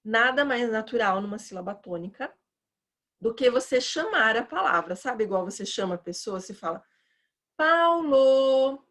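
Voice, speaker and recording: A woman's voice: fairly high pitch, expressive, normal speed, a bit bright. Chatty woman teaching. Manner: opinionated, chatty, drawls words out when demonstrating. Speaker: teacher trainer. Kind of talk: educational video lesson.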